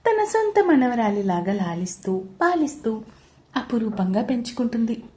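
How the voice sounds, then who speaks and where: Warm woman narrating a romance serial. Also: fairly high pitch, normal speed. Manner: steady, expressive read-aloud narration. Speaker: storyteller.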